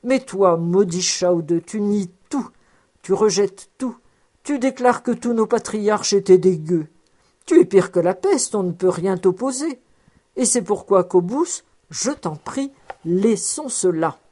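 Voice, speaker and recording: A woman's voice: mid-range voice, lively intonation, measured pace, mellow. A woman doing a wry old rabbi. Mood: protesting. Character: old rabbi, wry, good-natured, easily flustered.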